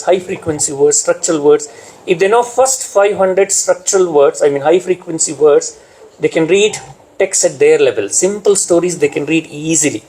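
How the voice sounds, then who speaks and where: A man's voice: sits high, darkish tone, low-quality recording. A man with an Indian English accent training teachers in a classroom lecture, repeating key terms and quizzing the room.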